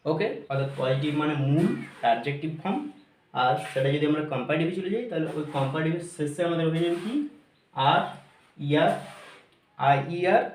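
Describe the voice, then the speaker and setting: A man teaching grammar, mixing English phrases into his explanations, repeating each point and checking whether his students are clear. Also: fairly high pitch, fairly quick, roomy sound, slight background noise.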